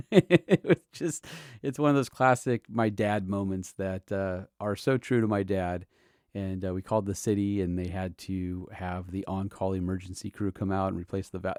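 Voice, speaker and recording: Middle-aged guy on a podcast telling stories about someone he loved, low voice, halting, dry close sound. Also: fairly even intonation, darkish tone, dry recording. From Southern California. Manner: halting, tender, fond laughs while reminiscing. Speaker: podcast host. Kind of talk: personal tribute, emotional storytelling.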